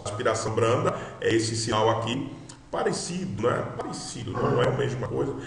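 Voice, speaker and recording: A man gives a recorded lesson, his voice sitting at an ordinary middle pitch. He explains patiently, says words over slowly and keeps checking in with listeners. The room around him rings with noticeable echo. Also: slight background noise. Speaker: teacher. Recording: roomy echo.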